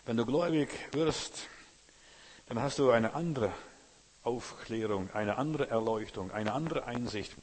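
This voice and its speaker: A man's voice: medium pitch, a little slow. A man preaching a sermon with fervour, speaking straight to his listener and repeating his phrases for emphasis. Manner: fervent, addresses listener directly, repeats phrases. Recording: long hall reverb.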